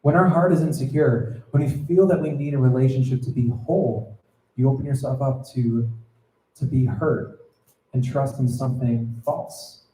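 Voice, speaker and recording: A medium-pitched, dark voice at a moderate pace delivers this youth sermon to students in an echoey space. The pastor keeps things conversational, checks in often, and acts out voices in his anecdotes.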